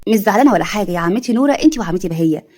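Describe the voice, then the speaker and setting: A woman voicing a young Egyptian graduate, hurt but quick with a retort. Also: medium pitch, animated, a little mellow, lightly acted. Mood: hopeful.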